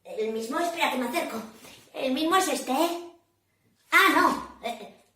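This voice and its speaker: A woman's voice: high-pitched, a little slow, pushed and bright. A woman telling stories to children in a library, playful and theatrical, often asking her audience questions. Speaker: children's storyteller. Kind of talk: lively storytelling for children. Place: public library room. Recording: very echoey room, voice from a distance.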